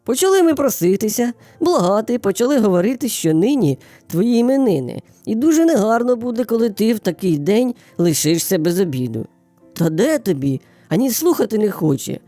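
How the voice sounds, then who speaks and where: A woman voicing a small, clever male hare in a children's fairy tale, flattering and bowing in a sing-song way. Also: medium pitch, fairly quick, no room sound, faint music behind, lightly acted. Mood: pleading. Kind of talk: storybook character voice.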